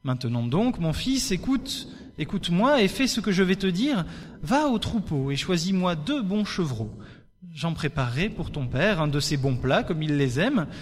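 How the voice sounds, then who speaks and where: A man's voice: on the high side, big pitch swings, moderate pace, long reverb tail, slight background noise. Man reading a scheming mother's urgent words. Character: aging mother, scheming for her younger son.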